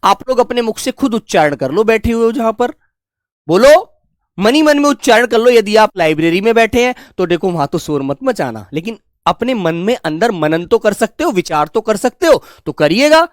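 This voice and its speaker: A man's voice: high voice, big pitch swings, normal speed, dry recording, studio quality. A man teaching a Hindi exam coaching lesson, fondly calling his listeners "my dear children" and drilling sounds aloud.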